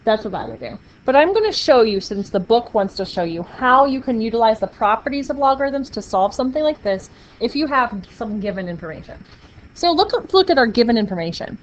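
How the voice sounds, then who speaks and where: A woman's voice: on the high side, sing-song, fairly quick. A woman teaching a math class, upbeat, playful and encouraging with her students. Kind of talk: classroom lecture. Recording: muffled classroom recording with faint noise.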